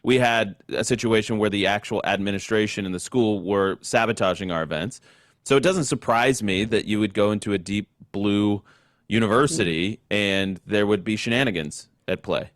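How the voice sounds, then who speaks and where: A man's voice: fairly low pitch, normal speed, no room sound, clean studio sound. A man hosting a political talk show, giving commentary and putting questions to guests.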